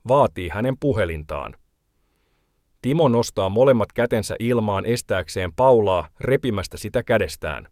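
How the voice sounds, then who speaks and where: A man narrating a news feature as a reporter, reading a script in a calm, measured way. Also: fairly low pitch, no room sound, studio quality.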